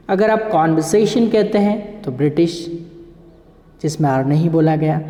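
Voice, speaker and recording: A man's voice: high voice, dark tone. A man teaching English pronunciation in a recorded lecture, drilling words by asking questions and answering them himself. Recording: echoey hall with long reverb.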